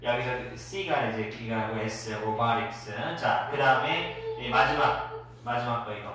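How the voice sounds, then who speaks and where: A man's voice: mid-range voice, a little slow, fairly bright tone. A Korean man teaching English to kids in a classroom, drilling pronunciation and having them repeat words after him. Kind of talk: classroom phonics lesson. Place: echoey classroom at an academy. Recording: roomy echo, distant mic.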